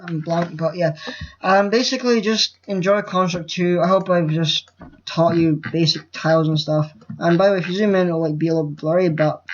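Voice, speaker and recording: Nervous rambling tutorial voice, lo-fi. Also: medium pitch. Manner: nervous, rambling and self-interrupting; swears casually. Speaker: game-making tutorial host. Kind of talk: casual screen-recorded tutorial.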